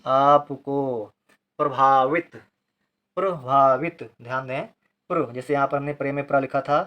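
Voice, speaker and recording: A man teaching a handwriting lesson step by step, sounding each syllable out slowly and patiently and often asking why before he answers. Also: medium pitch, steady tone, muffled recording. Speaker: Hindi writing teacher.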